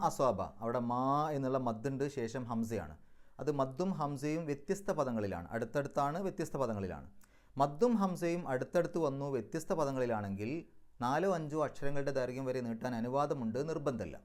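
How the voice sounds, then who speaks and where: A man's voice: mid-range voice, lively intonation. Man teaching Quran recitation rules. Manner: explains step by step, chanting Arabic words slower and louder.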